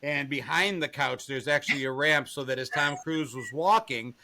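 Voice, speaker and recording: A man's voice: medium pitch, normal speed, bright, forceful tone. A man in his fifties telling joking anecdotes as a podcast co-host in casual chat. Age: 50s.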